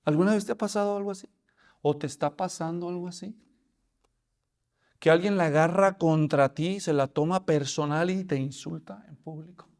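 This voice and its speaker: A pastor preaching a sermon, telling the story in an animated way and addressing listeners as brothers. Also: male voice, on the high side, normal speed.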